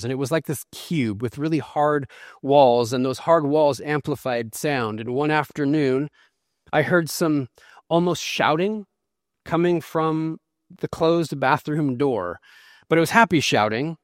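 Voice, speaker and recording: A man's voice: on the high side, measured pace, dry recording. Middle-aged male pastor, earnest storyteller, dry recording. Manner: earnest storytelling preacher, reads scripture aloud. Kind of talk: sermon.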